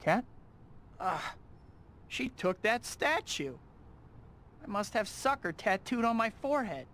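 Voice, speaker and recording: A man's voice: sits high, very animated, takes it slowly, slight background noise, heavily acted. A young man playing a quippy, good-natured, self-deprecating superhero in a video game, with a boyish manner. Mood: rueful. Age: young adult. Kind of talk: video game cutscene acting. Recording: loud music behind.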